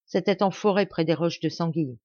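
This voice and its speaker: A woman's voice: fairly low pitch, a little fast, a little mellow, no room sound, natural voice. A woman reading the lines of a mad old marquis who raves wildly, in a slightly dull, dry recording. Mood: raving. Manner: wild, raving outbursts. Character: old man, marquis gone mad, raving.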